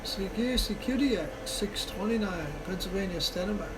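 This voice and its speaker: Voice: medium pitch, normal speed. A citizens band radio operator calling for distant contacts, repeating each phrase twice, heard through a mistuned sideband radio that warps the voice. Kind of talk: repetitive radio calling procedure. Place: radio station transmitting over a long-distance skip. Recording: faint distant radio signal under loud static.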